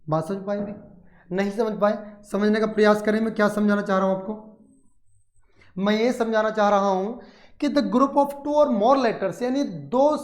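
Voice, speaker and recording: A man with an Indian accent teaching a grammar lesson, asking and answering his own questions and dictating slowly word by word. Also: high-pitched, darkish tone, reverberant. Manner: explains in Hindi mixed with English, asks and answers his own questions.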